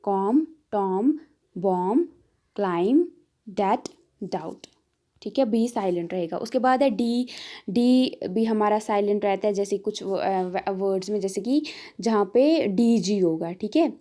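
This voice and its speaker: Woman tutor, mellow warm voice, patient, says example words slow and again. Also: medium pitch. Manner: explains patiently, repeats example words slowly. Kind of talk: exam-prep lesson.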